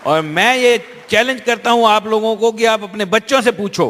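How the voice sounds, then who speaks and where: A man's voice: high voice, normal speed, a bit bright. A man interpreting a speech live, fluent and conversational, with small restarts. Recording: long hall reverb.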